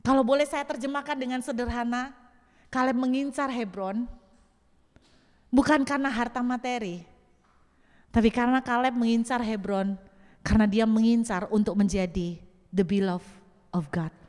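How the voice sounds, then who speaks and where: A woman pastor preaching a lively sermon to a church congregation, slipping English phrases into her talk. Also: a little high, normal speed, pauses often. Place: church hall. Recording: long church-hall reverb.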